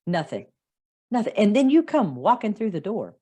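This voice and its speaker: A woman co-hosting a podcast, telling a story in lively casual chat and acting out the lines she quotes. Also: mid-range voice, fairly quick, breathy edge. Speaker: podcast co-host.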